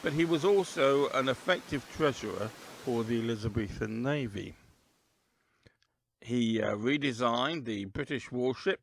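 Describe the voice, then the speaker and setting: Gravelly male podcast host, unhurried and measured in delivery. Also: mid-range voice, a bit bright, slight background noise. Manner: measured, deliberate, with occasional "uh" pauses. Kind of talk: solo history podcast talk.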